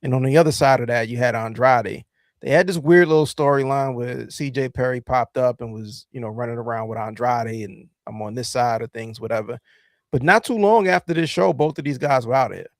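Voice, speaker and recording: A man's voice: medium pitch, fairly quick, no echo, clean studio sound. A man hosting a wrestling podcast, chatting casually and rambling with lots of fillers. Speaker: podcast host. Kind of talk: casual chat.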